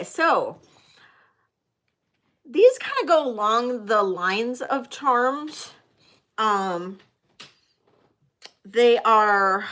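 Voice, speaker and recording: A woman's voice: mid-range voice, a bit bright. A middle-aged woman working as a casual auctioneer on a live sale, chatting and addressing bidders by name.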